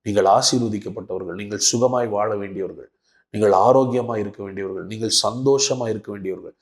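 A man's voice: lowish voice, fast talker. A male pastor from Tamil Nadu, giving a devotional sermon and prayer to camera in short, repeated, emphatic phrases. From Tamil Nadu, India. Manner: repetitive, rhythmic preaching in short emphatic phrases. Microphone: speaking to camera for a video.

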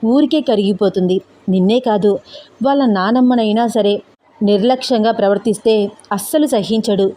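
Kind middle-aged mother-in-law, patient advice, mellow voice, read by a woman narrator, audio storybook. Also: medium pitch, close to an everyday voice. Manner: gentle, explaining.

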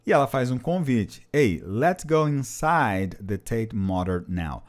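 A man's voice: mid-range voice, expressive, slow pace, background noise. A man teaching an English lesson, patiently repeating and translating phrases. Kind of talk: explanatory language lesson.

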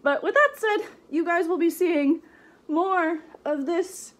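A woman's voice: very high-pitched, slow. A woman chatting casually in a vlog, giggly and rambling, her voice muffled inside a costume head. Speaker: vlogger.

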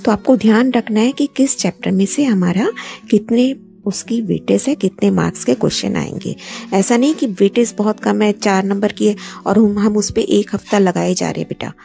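Gravelly-voiced woman teacher giving exam tips. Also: mid-range voice, warm tone, soft background music. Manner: calls students "beta", mixes Hindi and English; reads English tips slowly. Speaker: maths teacher. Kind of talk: exam tips lesson to students.

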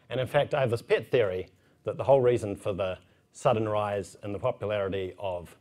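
A man's voice: fairly low pitch, darkish tone. A man in his thirties with a broad New Zealand accent, giving an informal technical conference talk with casual, wry asides. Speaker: conference speaker. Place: indoor conference room, at a podium.

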